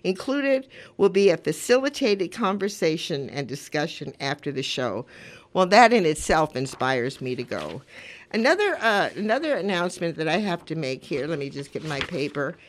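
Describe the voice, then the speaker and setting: Een vrouw van in de tachtig, die als radiopresentatrice mededelingen doet en er oprecht en uitweidend bij praat. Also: female voice, deep voice, sing-song, moderate pace. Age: 80s. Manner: earnest, rambling, conversational. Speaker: community radio host. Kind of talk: casual radio talk with announcements.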